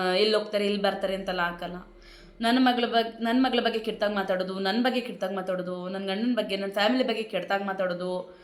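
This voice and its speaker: A woman in her thirties with a Kannada accent, talking to camera and indignantly answering her critics with repeated rhetorical questions. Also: mid-range voice. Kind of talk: emotional direct-to-camera talk. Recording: echoey room.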